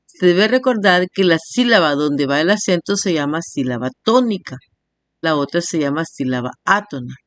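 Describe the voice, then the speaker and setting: A woman teacher giving a recorded language lesson, reading definitions and slowly sounding out example words syllable by syllable. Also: on the low side, no room sound. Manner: slow, spells words out syllable by syllable. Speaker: primary school teacher.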